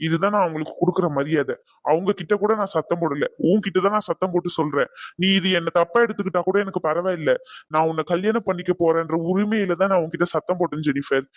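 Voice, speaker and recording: A man's voice: sits high, no room sound, lightly acted. A man playing a stern protective young groom. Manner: stern, lecturing, raises voice. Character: young groom, firm and protective of his sister. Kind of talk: cartoon drama voice acting.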